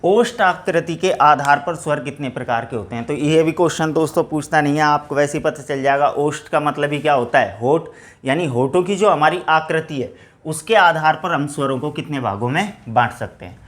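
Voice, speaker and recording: A male teacher giving an exam-prep grammar lesson, asking rhetorical questions and answering them himself in a lower voice, often calling his students friends. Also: brisk. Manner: drops to a lower, quieter voice on each answer.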